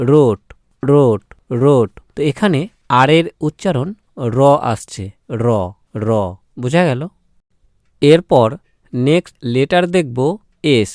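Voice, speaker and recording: Slow, patient male English pronunciation teacher. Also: on the high side, no room sound, studio quality. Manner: slow, repeats each word several times; spells words out letter by letter. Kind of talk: spelling-and-pronunciation lesson.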